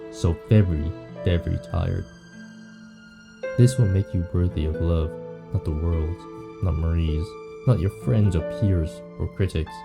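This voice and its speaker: A man reading the lines of a weary, morbid undead painter from a visual novel, slowly and somberly. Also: deep voice, gravelly. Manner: slow, somber reading of game text.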